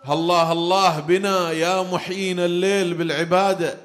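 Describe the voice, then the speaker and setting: A man's voice: sits high, flat delivery, normal speed, a bit bright. A man reciting a grieving noble woman's words in a sung lament. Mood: pleading. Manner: chanted lament, rising and sung.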